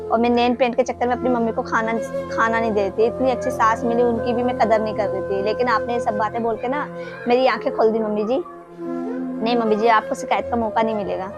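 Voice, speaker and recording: A woman playing a young daughter-in-law in a home-made family drama, talking quickly and scolding her elders. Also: on the high side, natural voice. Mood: remorseful. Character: young daughter-in-law, sharp-tongued then remorseful. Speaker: actor in a family drama skit. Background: background music.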